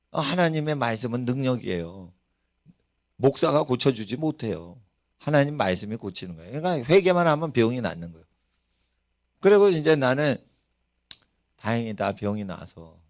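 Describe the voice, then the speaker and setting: A man's voice: medium pitch, normal speed. A middle-aged man, a pastor, preaching a sermon in church, telling stories and putting questions to the congregation. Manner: animated storytelling preacher, rhetorical questions to the congregation. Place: church sanctuary.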